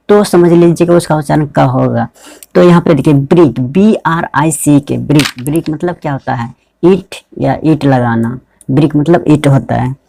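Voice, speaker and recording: A man teaching a pronunciation lesson over a screen recording, asking questions and answering them himself, repeating words slowly. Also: on the high side, vocal fry, warm tone, no room sound. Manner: repetitive, asks and answers his own questions.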